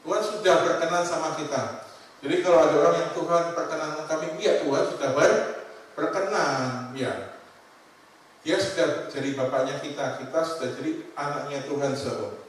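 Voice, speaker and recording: A male pastor preaching a sermon, animated, often addressing the congregation and then dropping to quiet asides. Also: on the high side, normal speed, slight background noise. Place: church hall. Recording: echoey church hall, mic at a distance.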